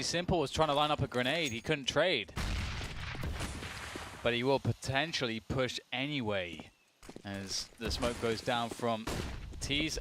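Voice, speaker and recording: A male esports caster delivers live play-by-play in short, reactive phrases. His mid-pitched voice sits against very loud game gunfire and clicking. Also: noisy background. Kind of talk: live esports play-by-play commentary with casual banter. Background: video game gunfire.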